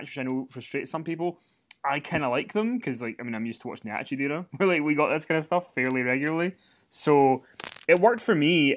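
A podcast co-host chats casually through a wrestling recap from a hotel room, rambling with lots of fillers and restarts. He has a mid-range, fairly bright voice.

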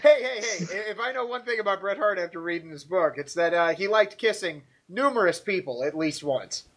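An American man co-hosting a casual podcast, talking excitedly with stammered restarts and frequent laughter. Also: high voice, a little fast. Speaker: podcast co-host. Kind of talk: casual wrestling recap chat.

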